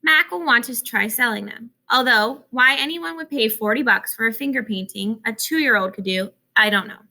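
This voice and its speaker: A tired, grumbling dad who sounds worn out at the end of a long workday, as a woman reading an audiobook puts him on. His voice is bright with a gravelly edge, and his tone stays dry and dismissive. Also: a little high, moderate pace, heavily acted. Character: weary middle-aged father, grumbling janitor.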